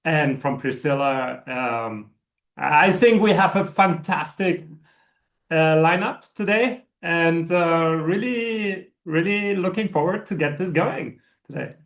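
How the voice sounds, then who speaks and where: A man's voice: on the high side, slow, fairly bright tone. A man co-hosting a conference stream, speaking eagerly with many hesitations. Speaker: co-host, channel host. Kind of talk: casual panel chat.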